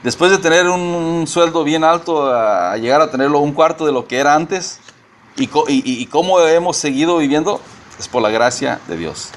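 A man preaching a sermon as pastor, speaking haltingly with many repeated words and a few English phrases mixed in. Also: fairly high pitch.

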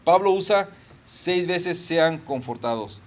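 Man, pastor, emphatic, animated preaching, higher-pitched. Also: takes it slowly. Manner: animated, emphatic, acts out voices and sounds. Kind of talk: sermon and prayer.

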